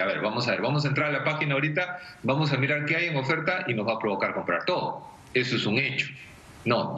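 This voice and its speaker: Calling in from a room at home, a personal finance expert in his forties appears on a TV segment, speaking with a Peruvian accent. He explains money topics in a didactic, conversational way, drawing on everyday examples. His mid-range voice sounds pushed and bright, over dull, echoey video-call audio.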